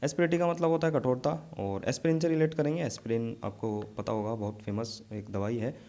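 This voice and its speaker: A man's voice: medium pitch, a little fast, mellow. A man teaching an exam vocabulary lesson, explaining memory tricks and checking in often with his students.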